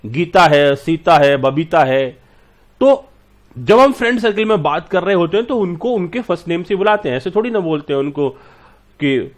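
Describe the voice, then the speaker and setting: A man with a somewhat high-pitched voice teaches a class in a fatherly way. He explains each point through everyday examples and keeps asking his students whether they follow. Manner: talks to students fondly and checks they follow. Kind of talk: classroom lecture.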